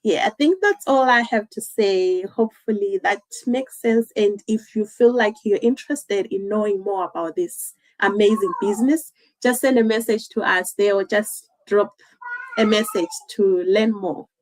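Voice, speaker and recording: A woman's voice: mid-range voice, moderate pace, low-quality recording. A woman, speaking as a guest on a livestream in a conversational, earnest way. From Zimbabwe. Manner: conversational, earnest, many "like" and "um" fillers. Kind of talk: casual livestream talk.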